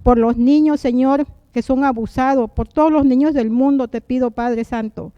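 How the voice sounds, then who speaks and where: A woman hosting a church service, welcoming the congregation and leading a spoken prayer in an earnest, soft-spoken way. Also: high-pitched, fairly even intonation, normal speed, no room sound, lo-fi sound. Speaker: service host and prayer leader.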